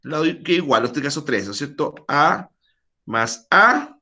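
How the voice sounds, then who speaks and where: Lively man teaching math online. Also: fairly high pitch, moderate pace. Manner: quizzes students, chatty asides. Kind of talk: virtual math class.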